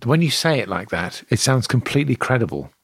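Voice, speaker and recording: A man with a modern British accent chats in a casual, joking way at a middling pitch. The sound is close and dry, like a podcast co-host at work. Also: sing-song, fairly quick, breathy edge, dry recording. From Portsmouth, England. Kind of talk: casual comic banter.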